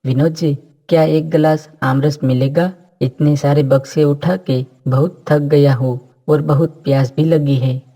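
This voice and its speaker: An actor playing a poor, kind orphan youth from a village who talks humbly and pleads, in a cartoon story. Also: male voice, fairly high pitch, steady tone, unhurried, hardly any pauses, mellow. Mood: worried. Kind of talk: Hindi cartoon voice acting.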